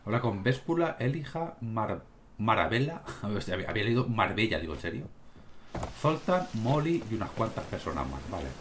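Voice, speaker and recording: A man with a Spain Spanish accent streams a game from home, chatting and swearing as he goes. His voice swings up and down in pitch as he talks to his viewers, and a steady hiss of noise sits under the recording. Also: brisk. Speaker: gaming streamer. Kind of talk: casual gameplay commentary. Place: home room with cats.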